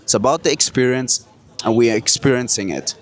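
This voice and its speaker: Speaking brashly to camera, this Kurdish hypnotist and show host brags loudly and leans on profane street slang in a motivational pitch. He talks at a medium pitch and a brisk pace.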